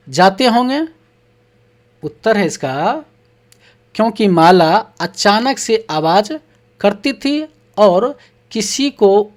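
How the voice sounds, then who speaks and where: A teacher patiently explaining a children's textbook lesson, reading each question aloud, answering it, and breaking words into syllables. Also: medium pitch. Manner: reads questions aloud, then answers them.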